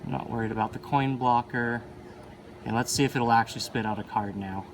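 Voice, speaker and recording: An arcade machine hobbyist presents casual, unscripted hands-on commentary, rambling a little as he thinks aloud. His medium-pitched voice runs slightly fast over some background noise.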